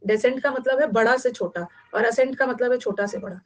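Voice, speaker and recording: A woman's voice: a little high, brisk. A woman teaching an online English vocabulary class, explaining each word in mixed Hindi and English and repeating terms many times, with an Indian accent.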